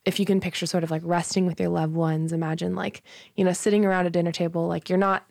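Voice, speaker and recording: A woman's voice: on the low side, flat delivery, fast, vocal fry, a little mellow, no room sound, clean studio sound. A woman co-hosting a faith podcast, still sleepy from recording early, explaining things in an earnest teaching way. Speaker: podcast co-host. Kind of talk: casual faith podcast chat.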